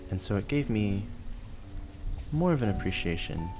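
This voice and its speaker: A man rambling softly and sleepily, musing gently and without hurry in short phrases as he hosts. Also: fairly low pitch, big pitch swings, normal speed, music in the background. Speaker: host of a relaxed rambling show. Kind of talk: soft sleepy rambling, narrating a town-building game.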